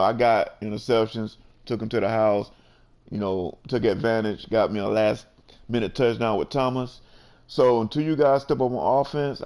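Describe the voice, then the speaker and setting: A man with a low, gravelly voice hosts a relaxed sports chat. He keeps it loose and easygoing, dropping "you know" between thoughts as he lays out his picks. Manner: laid-back, peppered with "you know". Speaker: host.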